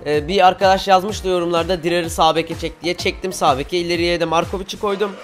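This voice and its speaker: A teenage boy from Turkey giving excited football game commentary, cheering on his players and shouting at missed chances. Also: sits high, fast, soft background music. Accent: Turkish. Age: teens. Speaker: gaming YouTuber.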